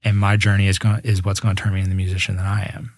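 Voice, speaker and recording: Speaking fast and flatly, a guest musician in his twenties reflects earnestly on his musical path in a casual podcast interview, repeatedly backing up to restart an idea. His voice is a bit low, and the sound is dry with no room presence.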